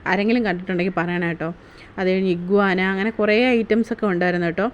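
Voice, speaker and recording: A woman's voice: mid-range voice, fairly even intonation, racing, dull audio, slight background noise. A woman narrating her family day-out vlog in a casual, chatty way, often asking viewers to comment. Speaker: vlogger.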